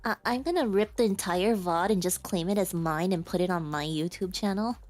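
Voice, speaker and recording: A woman's voice: on the low side, brisk, darkish tone, soft background music. A woman guest in a casual streamer chat, bubbly and giggly.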